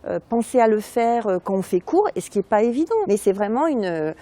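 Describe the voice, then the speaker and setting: A woman sociologist, explaining her research in an interview, pausing often with fillers and restarts. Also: medium pitch, expressive, warm tone, no echo. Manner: hesitant, many fillers and restarts.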